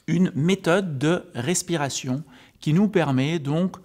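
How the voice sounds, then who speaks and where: A man's voice: a little high, darkish tone. A man who coaches, explaining things step by step in an informal video addressed directly to the viewer. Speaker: health and sports coach presenting a video. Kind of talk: informal explanatory talk to camera.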